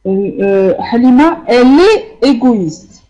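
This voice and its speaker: A French teacher whose first language is Arabic goes over students' sentences in a live online class. The delivery is very slow and unhurried, with a soft, mellow tone. Corrections come with frequent fillers and patient repetition. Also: mid-range voice, animated, highs cut off. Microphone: computer microphone in an online class.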